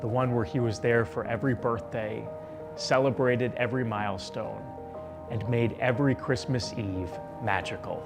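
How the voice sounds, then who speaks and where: A man in his twenties, a TV reporter, narrating a personal story in a soft, reflective voice. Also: medium pitch, fairly even intonation, moderate pace, creaky. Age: 20s. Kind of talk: scripted narration. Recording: narration over music.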